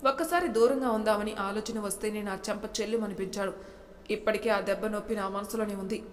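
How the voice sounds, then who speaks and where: A woman's voice: mid-range voice, quick pace, reverberant, big-room sound, natural voice. A woman voicing a defiant young bride who answers back with resolve in a storybook drama.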